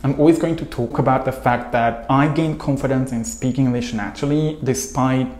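A Hungarian-born English coach delivers a scripted video lesson to camera, earnest and steady, listing points in long runs at a fairly quick pace. His voice sits at a middling pitch. The lapel mic picks up a noticeable roomy echo from a small room at home.

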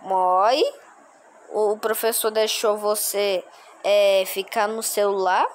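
A woman's voice: medium pitch, level tone, slow, a little hiss or hum, close to an everyday voice. A woman doing a conspiratorial school friend. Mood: conspiring. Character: curious schoolboy friend who keeps secrets.

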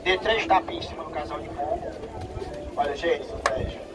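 A man's voice: a little high, brisk. A man with a Northeastern Brazilian accent doing improvised street comedy, teasing volunteers playfully as he performs. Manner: teasing, playful crowd banter. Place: open seafront square at night. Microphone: distant camera among spectators. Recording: distant mic, loud outdoor crowd noise. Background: loud crowd and outdoor noise.

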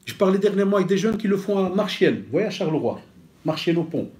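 A man delivers a lecture-style sermon, his voice mellow and warm rather than bright. He talks like a storyteller, lively and conversational, slipping Arabic expressions into his as he teaches. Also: sits high, quick pace, a little hiss or hum. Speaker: preacher and teacher.

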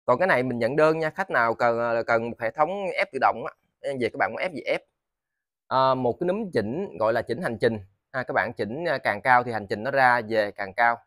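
Southern Vietnamese man, halting casual sales patter. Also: medium pitch, a bit bright, no room sound, studio quality. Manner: halting, repeats words and phrases. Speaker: seller of used motors and machine parts. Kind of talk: casual, rambling sales vlog. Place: indoors in a cluttered tiled storeroom.

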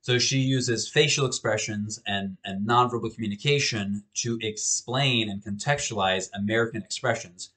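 Recording a webcam lecture from his small home office, a thirty-something professor keeps things conversational, often restarting and repeating words. He talks at normal speed with hardly any pauses, in a fairly low voice that sounds pushed and bright.

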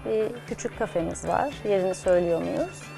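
A woman in her sixties, a guest cook and cafe owner, soft-spoken and modest. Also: lowish voice, animated, brisk, creaky, music in the background. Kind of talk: studio interview. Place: TV studio kitchen set.

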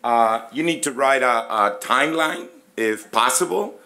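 A middle-aged man with a hoarse, raspy voice that is giving out, presenting informally and haltingly as a professor at a conference-room lectern. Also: mid-range voice, animated, pushed and bright. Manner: halting, conversational, inviting questions. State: losing his voice, throat-clearing. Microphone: gooseneck lectern microphone.

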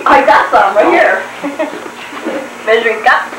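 A woman's voice: a little high, lively intonation, slow. A woman chatting casually as she opens gifts at home, naming each one aloud, heard on an old VHS home video tape recorded by a camcorder from across the room. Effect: old VHS home video tape sound. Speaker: family member opening gifts. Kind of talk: casual chat. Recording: hissy, roomy old camcorder tape from far off.

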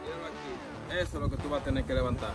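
An adult voice with a Dominican Spanish accent, mid-pitched and casual. The delivery is that of a home comedy skit, full of exasperated, teasing exclamations, with music playing clearly behind it. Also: rapid-fire. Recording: music under the voice. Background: background music.

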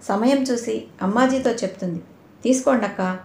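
A woman voicing a bold, caring young woman who looks after the children, speaking gently and reassuringly. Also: on the high side, normal speed, close to an everyday voice. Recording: roomy echo.

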